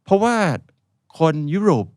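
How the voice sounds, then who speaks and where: A man from Thailand, a guest author, chatting casually and telling lively stories as he mixes English words into his talk. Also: a little slow, no room sound, studio quality. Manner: lively, animated storytelling. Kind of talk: casual interview chat, mixing in English words.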